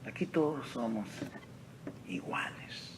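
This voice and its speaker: A male pastor preaching a sermon in a church sanctuary, slow and deliberate, dropping to near-whispers and rising to emphatic peaks. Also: mid-range voice, expressive, background noise. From Texas.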